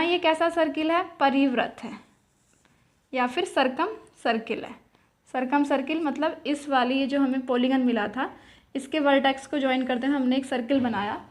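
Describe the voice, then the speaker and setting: A young woman teaching geometry, asking questions and answering them herself, repeating key terms in words. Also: sits high. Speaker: math teacher. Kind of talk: explaining at a whiteboard.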